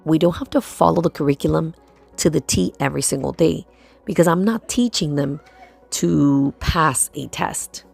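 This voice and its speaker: Low, gravelly and darkish with a breathy edge, this woman's voice moves at a normal speed. She's a homeschooling mother narrating her own vlog in scripted-sounding, short emphatic phrases with rhetorical questions, music playing behind her.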